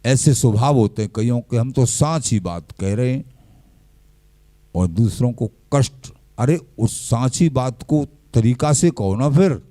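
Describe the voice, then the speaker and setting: A man giving a slow, measured devotional discourse, often quoting scripture verses. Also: on the low side, no room sound. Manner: slow, measured, quotes verses and scripture in a lively rise and fall. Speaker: spiritual teacher.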